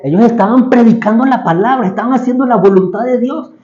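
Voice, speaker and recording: A man with a high voice delivers a sermon and keeps asking his listeners rhetorical questions. He acts out the lines of biblical characters as he preaches. The recording is echoey and dull, with a lo-fi sound. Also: fast talker, darkish tone.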